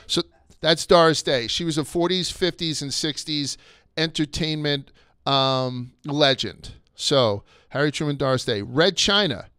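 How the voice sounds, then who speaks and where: A man's voice: on the high side, unhurried, sharp tone, clean tone, dry recording, clean studio sound. A man hosting a casual history podcast, chatty and crude, going off on tangents. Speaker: podcast host.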